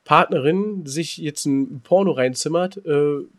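A middle-aged man co-hosts a podcast in relaxed, bantering conversation, his fairly high voice unhurried. He speaks bluntly and colloquially, dropping in some crude slang.

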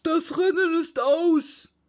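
A woman's voice: high voice, slow, darkish tone, voice pushed up. A woman voicing a solemn, pompous male Dodo bird in a storybook reading, speaking in a formal, ceremonious way.

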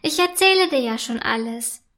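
A woman playing a small snowflake, female, cheerful, friendly, high voice, storybook. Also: animated, normal speed. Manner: bright, friendly, a bit proud. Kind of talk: storybook reading.

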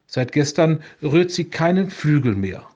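A man's voice: fairly high pitch, animated, measured pace, mellow, lo-fi sound. A man reading the lines of a hungry, anxious young boy in a spoken storybook legend. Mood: earnest.

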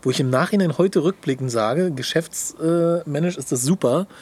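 A young man co-hosting a podcast in casual chat, telling stories in an animated, slangy way and laughing often. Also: on the high side, normal speed, breathy edge. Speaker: podcast co-host.

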